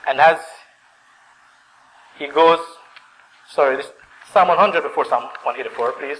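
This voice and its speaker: A man preaching a sermon, reading scripture in a slow, drawn-out cadence and swinging between loud exclamations and hushed tones. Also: fairly high pitch, poor audio.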